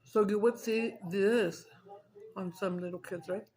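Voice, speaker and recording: A woman's voice: mid-range voice, steady tone, unhurried, a little mellow. Chatty woman eating on camera. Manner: loose and chatty, swears, slips into Spanish. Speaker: mukbang streamer. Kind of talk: casual chat while eating.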